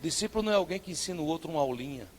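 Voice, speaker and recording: A male pastor with a Northeastern Brazilian accent, preaching a sermon with rhetorical questions and sudden loud bursts. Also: fairly high pitch, lively intonation, rapid-fire, a little hiss or hum. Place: church service.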